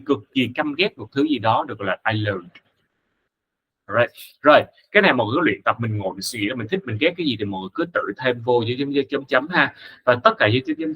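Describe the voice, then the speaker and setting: A man, a native Vietnamese speaker, teaching an English lesson, reading model phrases slowly and carefully between quick explanations. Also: medium pitch, pushed and bright, low-quality recording. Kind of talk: casual spoken lesson.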